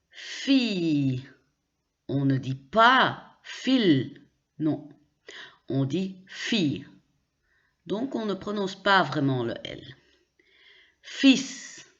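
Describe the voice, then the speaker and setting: A woman gives a pronunciation lesson at a very slow, deliberate pace, naming letters and repeating example words one by one. Her pitch moves in a lively, wide way. The recording sounds a little dull and lo-fi. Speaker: French teacher.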